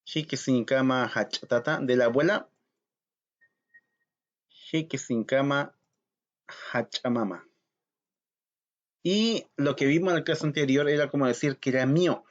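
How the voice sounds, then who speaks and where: A man teaching a recorded language lesson, slow and patient, repeating words for learners to practise. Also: medium pitch, muffled recording.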